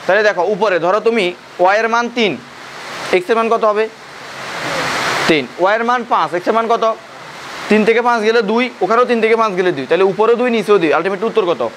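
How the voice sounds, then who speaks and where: High-voiced man tutoring in class. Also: fast, long pauses, noisy background. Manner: questioning students, repeating points. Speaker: physics tutor. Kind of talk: classroom lecture.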